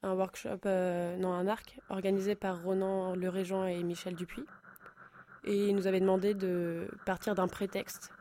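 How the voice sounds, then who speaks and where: A woman's voice: mid-range voice, little pitch movement, normal speed, dark tone. A young woman, an art student, chatting casually in a radio interview with many hesitant fillers.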